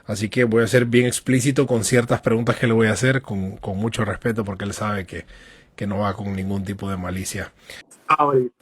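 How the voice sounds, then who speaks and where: A man's voice: on the low side, fairly even intonation, a little fast, breathy edge. Chatty, upbeat male live-stream host. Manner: upbeat, chatty, fond of hearty slang. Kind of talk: live online interview. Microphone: new studio microphone.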